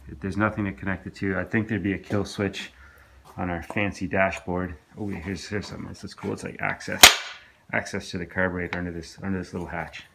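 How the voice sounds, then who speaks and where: A man's voice: sits low, level tone, brisk, gravelly, very noisy. A man casually narrating his work on an old outboard engine in a home workshop, with lots of hesitant restarts and fillers. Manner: rambling, hesitant, full of restarts and ums.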